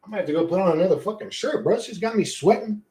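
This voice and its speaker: High, mellow, and animated, this man's voice moves fast, with a little hiss or hum in the recording. He's live-streaming, loosely and profanely rambling, answering chat, and saying "bro" constantly.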